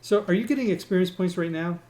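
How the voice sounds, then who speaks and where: A man in casual voice chat with friends while playing a game, explaining things haltingly with fillers. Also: sits high, mellow. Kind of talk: casual voice-chat gameplay talk.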